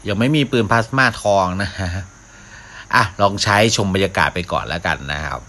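A gaming video host gives casual live commentary in a deep, gravelly, bright voice that's very animated and forceful, at a moderate pace. He often talks to himself while playing and mouths sound effects.

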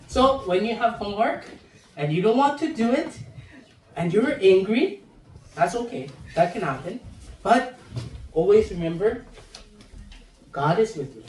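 A man in his thirties preaches to young people at an unhurried pace, his pitch rising and falling in lively swings. He acts out children's moods with playful voices as he talks into a handheld microphone. The sound is roomy and echoing, picked up from some distance, with a faint hiss behind it. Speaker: assistant pastor. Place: classroom in front of a chalkboard. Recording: roomy echo, mic heard from a distance.

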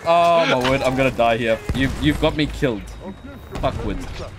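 A man co-hosting a gaming video, excitably bantering and swearing through a shooter match on a headset. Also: mid-range voice, normal speed, over music. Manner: excitable, swearing, self-mocking. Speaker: gaming channel co-host. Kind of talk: casual gameplay banter. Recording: game gunfire noise behind voice.

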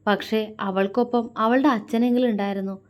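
A woman storyteller reading a romance story aloud in an emotive, measured way. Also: a little high, fairly even intonation, darkish tone. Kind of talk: scripted narration of a romance story.

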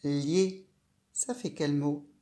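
A woman teaching a reading lesson to a young child, sounding out syllables slowly and clearly and asking the child questions. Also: sits low, expressive, warm tone. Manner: slow, clear, syllable by syllable, addressing the child directly.

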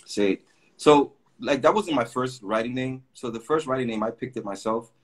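A middle-aged Puerto Rican graffiti artist, interviewed over a video call webcam, tells long rambling stories packed with fillers. His medium-pitched, slightly rough voice moves at normal speed.

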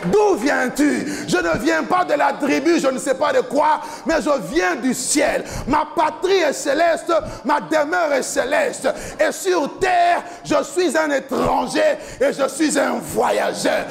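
Man preacher, 40s, very high gravelly voice, shouts and chants his sermon on a handheld mic, soft music behind. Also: animated, slow, few pauses, a faint crowd. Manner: impassioned preaching, often shouting, chanting cadence. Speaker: pastor. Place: large church hall with a stage, indoors.

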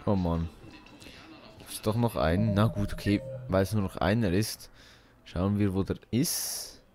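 A man's voice: on the low side, measured pace, darkish tone, soft background music. A man hosting a let's play, thinking aloud in colloquial, casual game commentary.

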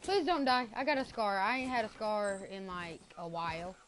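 A woman's voice: mid-range voice, fairly bright tone, slight background noise. A woman chatting casually over a video game with friends, playful and slangy. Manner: playful, slangy, quick cries of alarm. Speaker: gamer.

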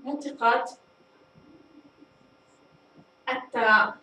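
A woman teaching a fifth-grade language lesson, explaining slowly and deliberately, repeating and drawing out words, and praising her pupils. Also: a little high, steady tone. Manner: addresses pupils warmly, praises them. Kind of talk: recorded classroom lesson. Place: echoey school studio room. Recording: very echoey room, voice far from mic, faint noise.

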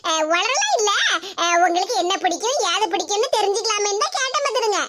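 A woman's voice: extremely high pitch, lively intonation, fast talker, very noisy. A woman with a Tirunelveli Tamil accent voicing a cheeky young daughter-in-law in a cartoon, who teases in a mocking, sing-song way. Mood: teasing.

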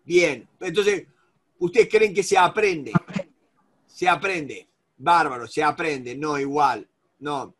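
A man with an Argentine Spanish accent teaches a room of participants in a lively, repetitive way, calling on people by name as he goes. His voice sits high for a man. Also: takes it slowly, long pauses. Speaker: negotiation instructor. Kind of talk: live seminar lecture to a group.

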